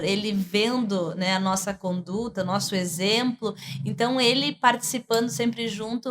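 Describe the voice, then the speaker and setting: A woman, a church minister telling an earnest, emotional testimony in conversation. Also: medium pitch. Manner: earnest, emotional storytelling with many fillers. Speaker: church minister, worship leader.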